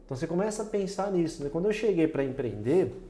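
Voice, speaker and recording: A man's voice: a little high, animated, fast talker, dark tone. A man in a casual podcast conversation, telling reflective stories and often laughing at himself. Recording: roomy echo.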